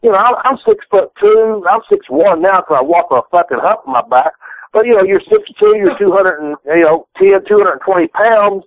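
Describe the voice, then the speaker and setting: Speaking at a moderate pace in a high, animated voice, a retired pro wrestler guest recounts old stories for a candid interview. He's a middle-aged Southerner whose telling is rambling, folksy and profane, with frequent restarts. The sound is a tinny, dry phone line.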